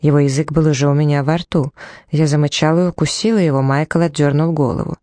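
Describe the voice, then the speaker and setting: A woman's voice: sits low, fairly even intonation, fast, warm tone, no echo. Woman narrating a novel, dry sound. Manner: dramatic, voicing dialogue in the telling. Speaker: audiobook reader. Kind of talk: first-person novel narration.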